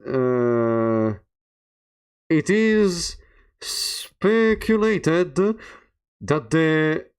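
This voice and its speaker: Man playing a halting, higher-pitched teacher reading reversed text. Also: animated, clean tone. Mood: halting lecturing. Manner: halting, stumbling word by word while deciphering reversed text. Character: formal schoolteacher lecturing a class in a video game. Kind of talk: reading game dialogue aloud.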